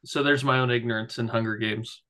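A man's voice: medium pitch, steady tone, fairly quick, bright, forceful tone. A man co-hosting a casual podcast discussion, with wry, self-deprecating humor. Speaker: podcast co-host.

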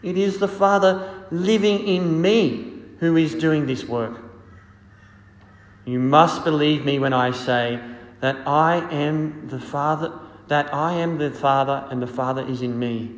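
A man speaking as a priest, reading scripture and preaching in a solemn, measured way in an echoing church. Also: fairly high pitch. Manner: solemn, measured, deliberate phrasing. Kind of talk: liturgical reading and homily. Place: large reverberant church. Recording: echoey church with long cathedral-like reverb.

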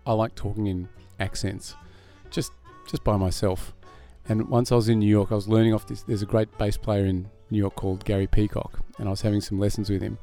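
A man's voice: fairly low pitch, level tone, a little fast, hardly any pauses, mellow, soft background music. A middle-aged musician, a man, chatting as a podcast guest, rambling and self-deprecating with frequent laughs. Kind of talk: casual podcast interview.

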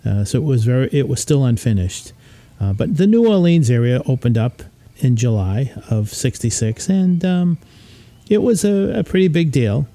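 Mellow-voiced man recounting theme park history. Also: mid-range voice, normal speed. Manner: relaxed, hesitant, with frequent uh and um. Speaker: podcast host. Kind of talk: casual informal history talk.

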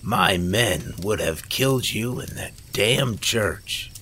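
A man's voice: fairly low pitch, expressive, slight background noise, heavily acted. A man voicing a cackling, treacherous male villain who gloats and mocks. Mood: gloating. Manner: mocking, boastful, quick to shout.

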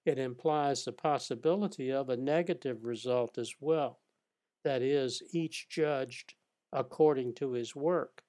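A man reading a scripted Bible study lecture, reading scripture passages in a measured, even way. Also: mid-range voice. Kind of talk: scripted narration.

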